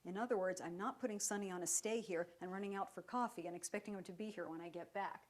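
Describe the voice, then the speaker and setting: A woman teaching dog training, her voice calm and even. She explains each step clearly and patiently. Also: mid-range voice, fast, a little hiss or hum. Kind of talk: instructional demonstration.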